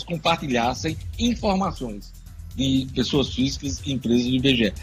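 A man hosts radio news, reading items live and adding informal comments. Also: medium pitch.

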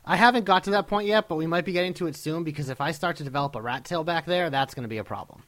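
A man co-hosting a podcast in casual fan banter, excitable and a little showy. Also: fairly high pitch, racing. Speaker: podcast co-host.

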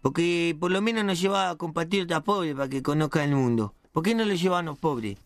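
An actor playing Palito, an indignant, rambling, slang-heavy hothead on a radio comedy show, with a Rioplatense accent. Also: male voice, fairly high pitch, brisk, no room sound, soft background music, lightly acted. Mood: ranting. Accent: Rioplatense Spanish.

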